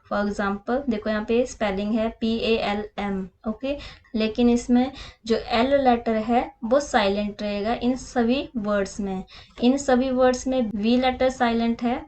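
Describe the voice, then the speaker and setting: Indian woman teacher, unhurried, fairly high voice, explains step by step for children. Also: a little mellow. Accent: Indian English. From Punjab, India. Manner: explains patiently, mixing Hindi and English, reads English slowly. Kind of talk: classroom lesson explanation.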